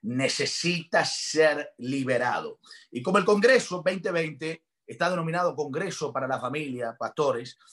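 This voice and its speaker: A male pastor preaching a sermon at an online congress, with impassioned delivery that builds to shouts. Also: on the high side, animated, measured pace.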